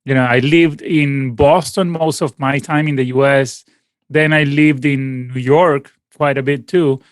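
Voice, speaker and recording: A Venezuelan man in his late forties, a guest musician whose first language is Spanish, speaks with a medium pitch and steady tone, a little slowly. Answering a casual interview over a call, he rambles with many restarts and fillers, and the recording is dry.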